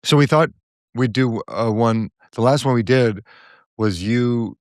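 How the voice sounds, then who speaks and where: A man's voice: medium pitch, unhurried, no room sound, clean studio sound. A middle-aged man with a bad cold, hosting a podcast and chatting casually with his daughter, chuckling often. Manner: chuckling, warm teasing banter. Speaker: podcast host. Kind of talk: casual family chat.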